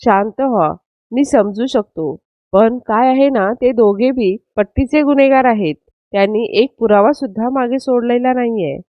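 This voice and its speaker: A woman's voice: fairly high pitch, moderate pace, no echo, close to an everyday voice. A woman voicing an anxious middle-aged male servant who pleads apologetically with his employer. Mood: apologetic. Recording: dry, slightly dull lo-fi.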